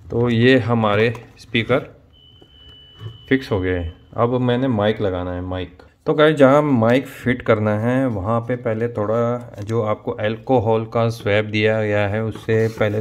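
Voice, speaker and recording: This man's voice is on the low side and a little mellow, with slight background noise behind it. In his thirties and from India, he's a motovlogger explaining a product installation step by step for his viewers, in a casual tutorial filmed in a small room at home.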